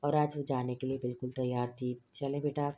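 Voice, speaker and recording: A woman narrating a romance novel in a steady, unhurried storybook reading. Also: rumbling low.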